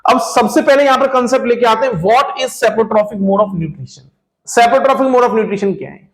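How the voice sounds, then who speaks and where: A man with a strikingly high-pitched voice teaches a class in a lecture style. He keeps putting rhetorical questions to his students, whom he calls children, and he repeats the main points. English terms are mixed into his speech. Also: a little slow. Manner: mixes English terms into Hindi.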